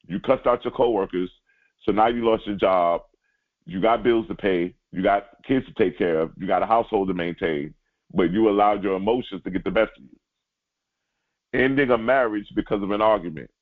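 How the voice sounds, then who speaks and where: A man giving a spiritual teaching, speaking directly to his listeners and repeating key lines slowly for emphasis. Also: on the low side. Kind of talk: sermon-like teaching. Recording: tinny phone-like line.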